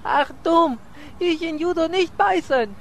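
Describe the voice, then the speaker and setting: A high, squeaky gardener who blurts out short, broken German phrases. He sounds flustered and excitable in this radio play, with a faint hiss behind him. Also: measured pace.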